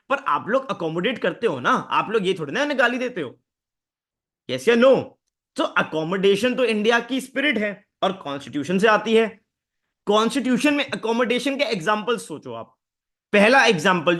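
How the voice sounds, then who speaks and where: High-pitched young guy teaching exam prep online, chatty, keeps asking students yes or no. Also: fairly bright tone. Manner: conversational Hinglish teaching, asks students questions. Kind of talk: live online lecture.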